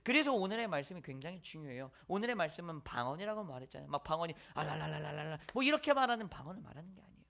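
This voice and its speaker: A pastor delivering a Sunday sermon in a church sanctuary. The voice rises and falls over a wide pitch range at a mid height. Quoted exchanges are acted out in a storytelling manner, and at times the voice sinks almost to a whisper. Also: racing, few pauses. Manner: animated, acts out little dialogues, drops to near whispers.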